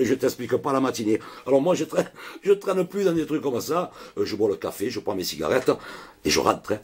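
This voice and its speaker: A man's voice: fairly low pitch, a little mellow, husky. A man telling a rambling, chatty story to camera in a casual vlog, full of swearing and asides. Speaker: vlogger.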